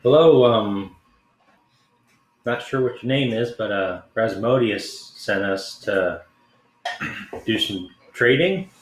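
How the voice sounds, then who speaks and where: A man's voice: on the low side, slow, pauses often. A man playing a character in a tabletop game, talking in a laid-back, hesitant way. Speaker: player. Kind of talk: casual tabletop play. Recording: echoey room with faint noise.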